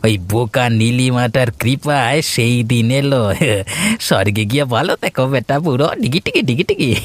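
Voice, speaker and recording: A man's voice: medium pitch, fairly even intonation, slow, no room sound, close to an everyday voice. Man playing a mocking, scheming cartoon village villain. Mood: gloating, mocking. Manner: mocking, taunting. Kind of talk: cartoon voice acting.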